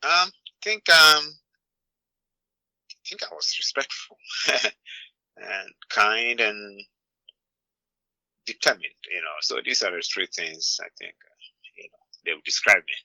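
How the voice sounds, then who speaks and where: A middle-aged man from Ghana answering interview questions in a measured way, often repeating words as he thinks. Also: lowish voice, animated, vocal fry, sharp tone, no echo, poor audio. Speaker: interview guest.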